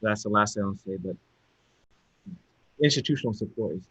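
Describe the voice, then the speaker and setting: A male computing professor on a panel, speaking in halting, broken phrases over a video call whose connection keeps breaking up. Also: on the low side, fairly bright tone, breathy edge, no echo, muffled recording. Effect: unstable online connection breaking up. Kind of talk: panel discussion.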